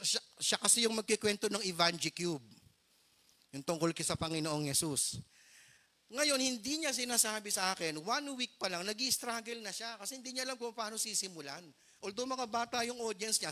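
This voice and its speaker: A man's voice: high voice, bright, forceful tone. A middle-aged man preaching a storytelling sermon as pastor, earnest and mixing English phrases into his Tagalog.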